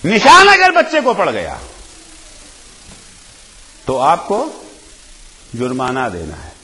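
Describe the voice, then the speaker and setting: A man preaching a fervent majlis sermon, high and lively. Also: poor audio. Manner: emphatic, rising to shouts then dropping low, rhetorical questions. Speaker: Shia cleric giving a majlis.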